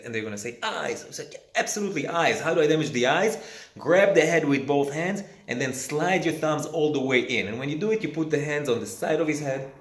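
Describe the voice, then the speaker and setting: A man teaching self-defense instructors, working through a lively question-and-answer lesson. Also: mid-range voice, reverberant. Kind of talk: instructor training talk.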